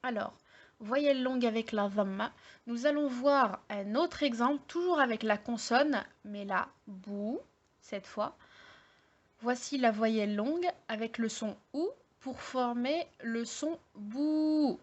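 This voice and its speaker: A woman teaching an online language lesson, explaining slowly step by step with many hesitations and fillers. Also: fairly high pitch, highs cut off. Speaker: Arabic teacher.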